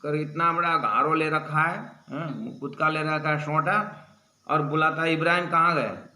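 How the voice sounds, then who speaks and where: A man's voice: fairly high pitch, a little slow, sharp tone. A man teaching a religious class, retelling a story and stopping to explain the meaning of its words. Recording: echoey room.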